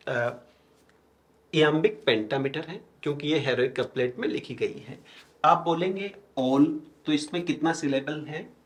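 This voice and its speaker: Man, teacher, Indian English accent, slow deliberate delivery, asks and answers his own questions, classroom lecture. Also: fairly high pitch. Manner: explains step by step with frequent questions to students; writes on a board while talking.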